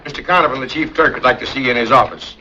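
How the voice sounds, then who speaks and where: An actor playing a brusque, formal city hall clerk in 1940s film comedy, on a muffled, noisy soundtrack. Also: male voice, mid-range voice, racing, pushed and bright.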